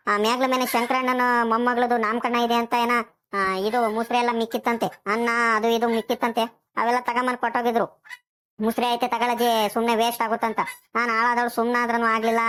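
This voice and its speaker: A woman's voice: on the high side, fairly bright tone, lightly acted. A woman voicing a fussy, worried old village grandmother. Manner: coaxing, worried.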